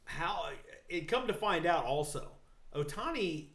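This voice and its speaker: A man's voice: on the high side, expressive, unhurried, fairly bright tone. A man co-hosting a casual sports talk show, rambling, swearing and laughing often. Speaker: podcast co-host. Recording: echoey room.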